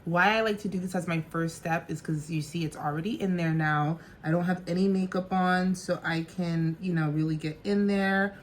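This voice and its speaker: Bubbly thirties woman, lower voice, vlogging at home with faint background hiss. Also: fairly even intonation, moderate pace, few pauses. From New Jersey. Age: 30s. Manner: bubbly, chatty, laughs often. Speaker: makeup artist and vlogger. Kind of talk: casual get-ready-with-me chat.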